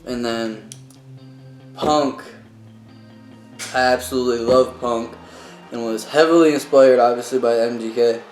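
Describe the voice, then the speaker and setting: A man's voice: medium pitch, fairly even intonation, measured pace, long pauses, darkish tone. A man from the United States, a musician being interviewed, talks in an informal, self-promoting way in casual chat. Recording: echoey room, music behind.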